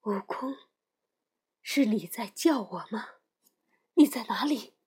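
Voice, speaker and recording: A woman's voice: a little high, animated, slow, a little mellow, husky, heavily acted. A woman voicing a frightened, crying male monk in a children's storybook, speaking in a whisper. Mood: fearful. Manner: whispered, fearful. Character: frightened tearful male monk, gentle and weak. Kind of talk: storybook reading.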